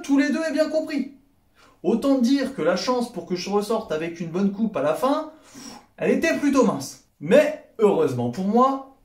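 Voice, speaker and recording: A young man from France with a French accent, telling comic stories in a sarcastic, animated way and acting out little dialogues. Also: high-pitched, reverberant. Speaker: comedy vlogger. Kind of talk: comedic storytelling monologue.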